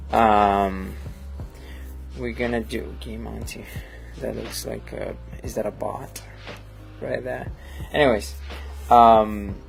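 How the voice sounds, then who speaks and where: A Colombian-accented man, a native Spanish speaker, chats on a live stream while editing photos. His medium-pitched voice is creaky, and he rambles in a friendly way with lots of fillers, reading the chat aloud.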